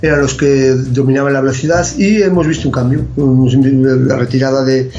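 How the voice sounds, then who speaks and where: A man's voice: medium pitch, fairly even intonation, moderate pace, mellow, slight background noise. A man speaking as an athletics expert guest, giving opinionated, analytical interview answers. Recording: roomy, dull lo-fi sound.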